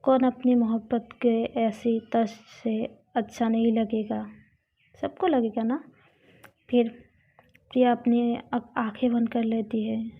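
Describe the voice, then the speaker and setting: A woman narrating a love story in a plain, unhurried telling. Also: a little high, flat delivery. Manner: slow, plain retelling. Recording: dull lo-fi recording.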